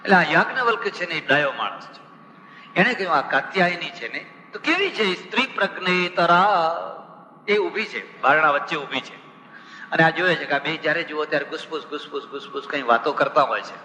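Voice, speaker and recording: Male monk, discourse style: storytelling, audience questions, slow chanted verses. Bright, fairly high voice, roomy hall reverb. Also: expressive, a little hiss or hum. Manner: humorous storytelling with rhetorical questions; chants scriptural verses slowly. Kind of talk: spiritual discourse on scripture. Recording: reverberant hall with faint ambience.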